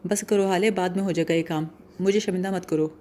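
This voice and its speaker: A woman's voice: lowish voice, fairly even intonation, darkish tone, slight background noise, lightly acted. Woman reading as an uneasy young student abroad. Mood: earnest. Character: anxious young woman student far from home.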